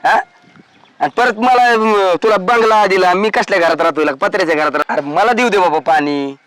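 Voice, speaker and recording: A man's voice: high voice, brisk, fairly bright tone, no room sound. A man playing an aggrieved older brother, a farmer, in a village family drama. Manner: aggrieved, complaining.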